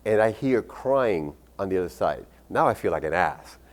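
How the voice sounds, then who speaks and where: A male doctor who recommends medical cannabis gives a talk at an expo, mixing patient stories with advice. His voice sits on the low side, and his delivery is candid and loose, with casual profanity. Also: animated, moderate pace.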